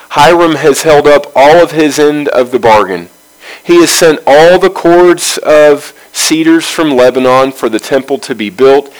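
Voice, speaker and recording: Male Bible study teacher, mid-pitched, reads a verse then unpacks it, measured phrasing with pauses. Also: poor audio. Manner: reads scripture aloud, then explains it verse by verse.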